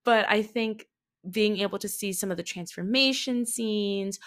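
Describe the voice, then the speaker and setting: A woman appears as a podcast guest for a relaxed conversation about anime, recounting things expressively and joking at her own expense. She speaks at a measured pace in a medium-pitched, slightly bright voice.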